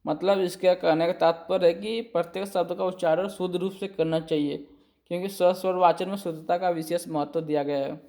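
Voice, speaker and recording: A man teaching an exam-prep lesson. He reads out each point and then explains it again more simply, often pausing to check with his students. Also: high voice, fairly even intonation, creaky, warm tone. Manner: slow and deliberate, often checking with "ठीक है".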